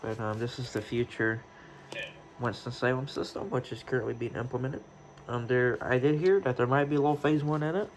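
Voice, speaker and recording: In an unscripted show-and-tell from his own room, a radio hobbyist vlogger talks a little quickly in a mid-range voice. He hesitates and drifts as he thinks out loud about his gear, and the home recording carries noticeable noise.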